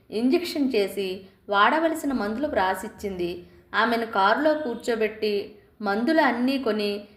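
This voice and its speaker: A woman reading a story aloud in a calm, measured scripted narration. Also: a little high. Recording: roomy echo.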